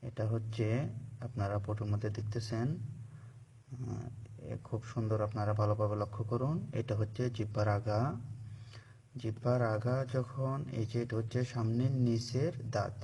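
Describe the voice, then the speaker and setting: A man teaching Quran letter pronunciation, slow and even, drawing out each sound in long model syllables. His voice stays level with little rise or fall. A faint hiss sits under the recording. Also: lowish voice. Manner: patient, drawn-out model pronunciations of single letters.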